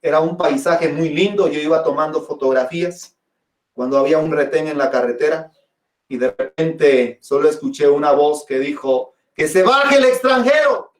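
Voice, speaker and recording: High-voiced pastor preaching in an echoey hall. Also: male voice, fairly even intonation, normal speed, a little mellow. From Guatemala. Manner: dramatic storyteller, often addresses listeners as brothers and sisters. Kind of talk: sermon with personal testimony. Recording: echoey, from a distance.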